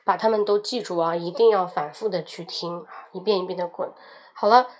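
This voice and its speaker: A woman teaching English as a host, repeating English phrases slowly with emphasis and explaining them in Mandarin. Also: lowish voice, slight background noise. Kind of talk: audio English lesson.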